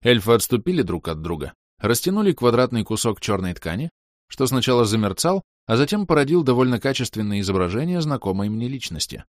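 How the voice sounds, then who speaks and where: A man reading a fantasy novel aloud in a wry, lively storytelling manner. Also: medium pitch, a little fast, no room sound, studio quality. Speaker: audiobook narrator. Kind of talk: scripted narration.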